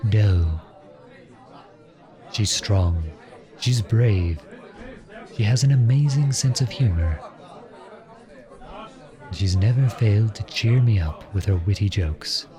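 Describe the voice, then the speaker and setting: In an audio roleplay drama, a man voices an earnest, lovestruck prince who was outlawed and became a soldier. He speaks softly, with measured pauses, at a fairly low pitch.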